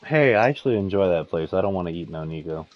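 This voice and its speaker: A young man in casual chat, telling rambling stories full of swearing and "like", jumping higher and louder when he quotes friends. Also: lively intonation, fast talker, dry recording, dull audio. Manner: rambling storyteller, heavy swearing, lots of "like". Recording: faint background noise.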